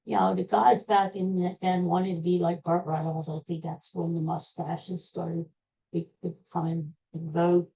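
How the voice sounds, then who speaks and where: A middle-aged American woman hosts a podcast solo, chatting in a rambling, folksy, casual way and trailing off now and then. Her lowish voice is warm with vocal fry, moves little in pitch, and keeps a normal speed. The recording is dull and lo-fi.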